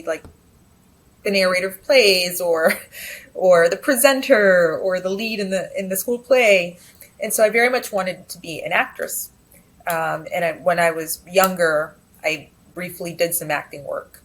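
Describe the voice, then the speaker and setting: In a rough recording, a woman with a fairly low voice speaks reflectively as a guest in a conversational interview. She is a business editor from Texas, USA, who grew up with Spanish at home, and she frequently uses fillers and restarts.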